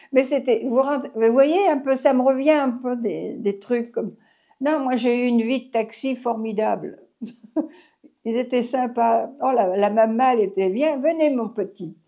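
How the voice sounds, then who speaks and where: A woman's voice: a little high, measured pace, warm tone. An older woman with a Parisian accent tells stories from her years as a taxi driver in a chatty way, laughing often and trailing off mid-sentence. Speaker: interviewee, former taxi driver. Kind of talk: casual storytelling.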